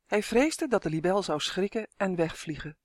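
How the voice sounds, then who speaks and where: A reader narrating a children's storybook calmly and evenly. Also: mid-range voice, moderate pace, dry recording, clean studio sound. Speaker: audiobook reader.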